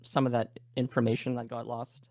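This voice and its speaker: A man with a Canadian accent giving a relaxed live workshop demo, thinking aloud with many fillers. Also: mid-range voice, fairly quick, dry recording. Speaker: game audio presenter.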